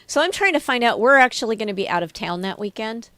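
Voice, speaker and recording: A woman's voice: on the high side, lively intonation, fast, a bit bright, no room sound. A woman co-hosting a podcast, chatting casually and steering the conversation between topics. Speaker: podcast co-host. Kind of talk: casual chat.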